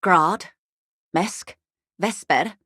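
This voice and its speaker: A slightly low female voice plays a genteel, worldly corporate negotiator, wry and coolly detached, in scripted game dialogue. Her delivery is measured and precisely worded, with a sharp tone and a breathy edge. The recording is dry with no room around it, a full character voice.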